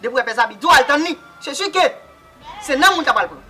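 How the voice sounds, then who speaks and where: A man plays a brash Haitian Creole orphan who speaks rudely and refuses to apologize. His voice is very high, bright and quick. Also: expressive, soft background music, heavily acted. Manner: blunt, unapologetic. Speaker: character in a web drama series. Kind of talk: dramatic acting.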